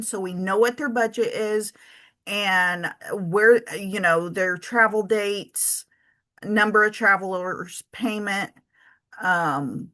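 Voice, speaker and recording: In a casual screen-share tutorial, a woman with a medium-pitched, sharp-toned voice shows a spreadsheet for her travel business. She has the hiccups and talks in a chatty, think-aloud way, full of ums and corrections to herself.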